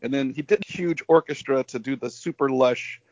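A man's voice: mid-range voice, moderate pace, a little mellow, dry recording. A middle-aged man talking over a video call as an interview guest, telling stories in an enthusiastic, rambling way. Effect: heard over a video call, connection breaking up. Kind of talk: casual interview. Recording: dull, lo-fi video call audio.

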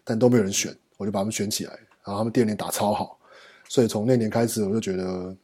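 Low, husky Taiwanese-accented man. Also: steady tone, rapid-fire, mellow. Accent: Taiwanese Mandarin. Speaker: podcast guest. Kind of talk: casual chat with friends.

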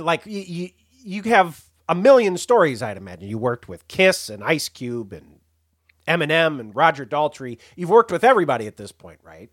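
A male podcast host asking casual interview questions, halting and restarting as he goes. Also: a little high, fairly bright tone.

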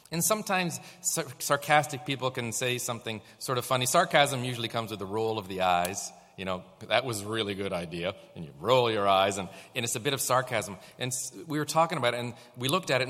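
A man's voice: mid-range voice, sharp tone. A man preaching a sermon as pastor, asking the congregation rhetorical questions. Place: church sanctuary. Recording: long reverb of a church hall.

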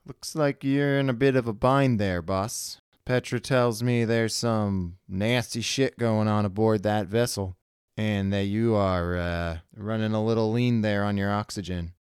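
A man voicing a gravelly old male ship mechanic with a folksy, drawling way of talking. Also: lowish voice, steady tone, measured pace, dry recording, clean studio sound, lightly acted. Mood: wry concern. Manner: folksy, drawling, says "boss".

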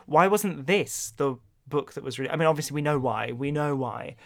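A man's voice: on the high side, lively intonation, moderate pace, vocal fry, fairly bright tone. Wry man discussing a novel. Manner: wry, analytical, dry humour. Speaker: podcast co-host. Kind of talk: casual book-club chat, reading excerpts aloud.

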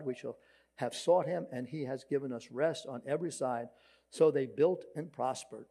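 Mellow Brooklyn preacher, a higher-voiced man. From Brooklyn, New York. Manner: emphatic, conversational preaching with rhetorical questions. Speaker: pastor preaching. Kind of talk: sermon.

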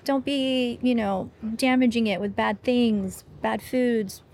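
A woman talking as a guest in a casual conversation, animated and chatty with lots of fillers. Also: fairly high pitch, slow, slight background noise. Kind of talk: casual conversation about faith.

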